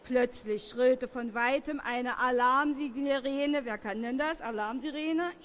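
A woman reading a children's story aloud to a group, often turning to ask the listeners questions. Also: high voice. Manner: slow, lively, asks the children questions.

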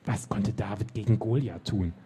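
A man's voice: fairly low pitch, moderate pace, dark tone, breathy edge, pitched below the performer's own voice. A hissing spiteful witch, as a man puts her on. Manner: hissing, shrieking threats. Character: spiteful cackling old female witch.

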